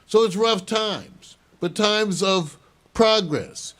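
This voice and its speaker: An older man hosting a show, giving measured, opinionated news commentary and chuckling now and then. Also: high voice, fairly bright tone. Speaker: show host.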